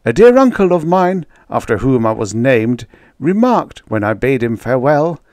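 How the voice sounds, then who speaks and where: A meek, tearful baker frets through his tale in a storybook verse reading, as a male reader puts him on. The voice sits well above the reader's own, wobbling high and wide in pitch, and the sound is close and dry. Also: sing-song, normal speed, darkish tone, no room sound, close to an everyday voice. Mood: plaintive. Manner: high, quavering, pleading, fretful. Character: timid, tearful middle-aged male baker.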